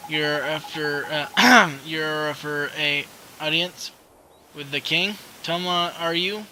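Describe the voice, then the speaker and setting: A man reading a polite male town guard's lines from a video game in his own voice, slowly and with slips. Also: a little high, background noise. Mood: formal. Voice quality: halting, slow reading with slips.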